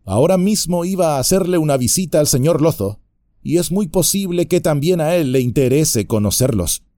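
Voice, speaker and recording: A man voicing a calm, firm hobbit leader in an audiobook, measured and steady. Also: on the high side, dry recording, voice pushed up, close to an everyday voice.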